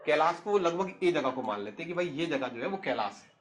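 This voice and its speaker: A man's voice: on the high side, lively intonation, quick pace, a little hiss or hum. Chatty man telling a story. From Uttarakhand, India. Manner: chatty, humorous, addresses listener directly. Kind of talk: casual spoken storytelling.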